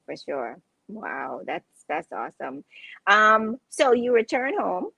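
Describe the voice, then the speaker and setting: A woman's voice: mid-range voice, big pitch swings, slow pace, vocal fry, sharp tone, slightly rough, dry recording. A woman hosting a casual interview, encouraging her guest with frequent affirmations. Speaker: host.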